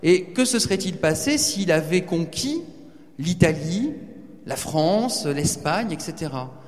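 A man giving a lively talk to students in a large hall, teasing and speaking to the audience directly. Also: on the high side, unhurried. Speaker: guest speaker addressing students. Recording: reverberant hall.

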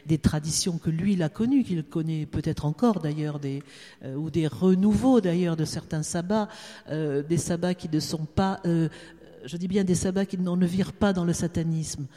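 A woman moderates a live event in a dark, soft-toned voice. She winds through long, hesitant asides as she introduces and questions her guest. The hall adds a long reverb. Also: lowish voice, normal speed. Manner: hesitant, digressive, with long winding sentences.

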